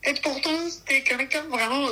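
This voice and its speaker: Une femme qui appelle en direct, parle avec hésitation et s'excuse. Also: female voice, high-pitched, steady tone, normal speed, pushed and bright. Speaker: caller. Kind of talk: live call-in chat.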